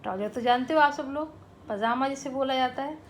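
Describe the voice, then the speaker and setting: A woman with a somewhat high voice teaches a grammar lesson to children. She explains patiently, mixing in English terms and checking understanding as she goes. The room is echoey, with faint ambient noise behind her. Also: a little fast.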